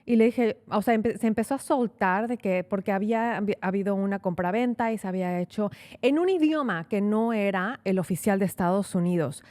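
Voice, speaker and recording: Animated woman lawyer telling a story. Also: mid-range voice, fairly quick. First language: Spanish. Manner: animated, acts out quotes, many fillers. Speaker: immigration lawyer, podcast co-host. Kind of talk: casual storytelling chat.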